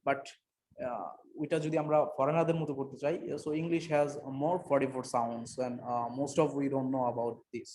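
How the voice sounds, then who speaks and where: A man giving an unscripted English pronunciation lesson, mixing two languages, pausing often with fillers and correcting himself. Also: mid-range voice, fairly even intonation, a little mellow, slight background noise. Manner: hesitant, many fillers and self-corrections. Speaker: English teacher.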